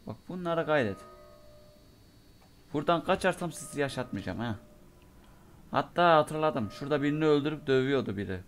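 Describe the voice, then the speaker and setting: A young man giving let's play commentary on a horror game, talking to himself and cursing in bursts, his voice going hoarse from a sore throat. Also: fairly high pitch, expressive, a little fast, long pauses, faint music behind. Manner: mutters to himself, curses and reacts in bursts. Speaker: gamer playing a horror game.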